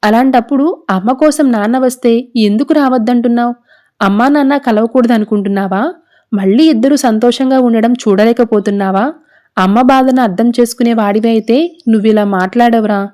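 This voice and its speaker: A woman reading the part of a determined young woman who speaks firmly and reproachfully to her family. The voice is fairly high, with a soft, dark tone. It is read as serial recap narration. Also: a little fast, close to an everyday voice. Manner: firm, reproachful.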